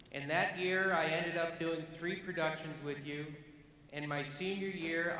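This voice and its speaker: A man's voice: on the high side, bright, forceful tone, slight background noise. A man in his fifties giving an earnest, heartfelt tribute to a former teacher. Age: 50s. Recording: echoey hall from far off.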